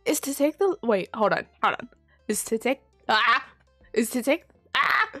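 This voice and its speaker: A woman's voice: on the high side, expressive, pushed and bright, no echo, faint music behind, full character voice. A woman putting on a metallic robot voice to read out game dialogue, stopping and restarting as she tries it. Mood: robotic. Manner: halting, breaks off and restarts mid-phrase. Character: stiff metallic robot guide, female-voiced. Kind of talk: game stream voice-acting dialogue.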